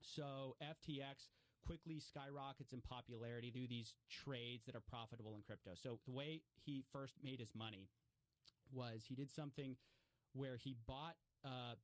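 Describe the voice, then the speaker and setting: An animated man explaining things in a relaxed conversational way, full of fillers and quick restarts. His voice sits in a middle range for a man. The sound is close and dry, with little room around it. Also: mid-range voice, dry recording.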